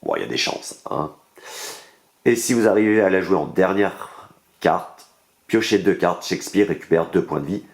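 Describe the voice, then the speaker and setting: This is a casual unboxing and card review of a board game by a man with a French accent. His low voice has vocal fry and is very animated at a moderate pace, and he explains the rules step by step, full of fillers and enthusiasm.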